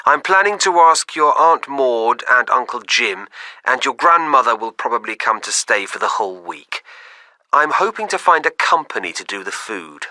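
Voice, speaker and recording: A middle-aged dad leaving a voicemail. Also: male voice, mid-range voice, expressive, normal speed, sharp tone, dry recording. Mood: fatherly. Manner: mildly grumbling, plain and fatherly.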